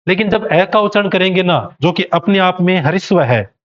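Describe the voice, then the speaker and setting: A man's voice: sits high, expressive, normal speed, a bit bright, muffled recording. A male teacher giving an exam coaching lecture, explaining step by step and posing rhetorical questions to students.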